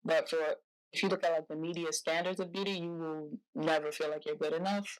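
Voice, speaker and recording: A woman's voice: sits low, fairly quick, rough recording. A young woman talking as an interview guest, a hairstylist and fashion entrepreneur, speaking expressively and casually with lots of "like" fillers. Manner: expressive, chatty, many "like" fillers.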